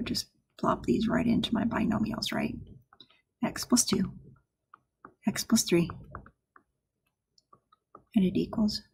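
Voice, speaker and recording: Woman math teacher, gravelly mellow voice, unhurried step-by-step explaining. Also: medium pitch. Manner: soft-spoken, explains step by step with frequent "right?" checks. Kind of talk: recorded math lesson.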